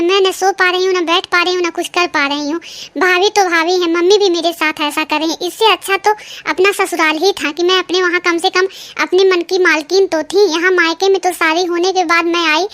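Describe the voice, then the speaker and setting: A woman's voice: very high-pitched, fairly bright tone. A woman voicing a sulking, self-pitying young married daughter in a cartoon story.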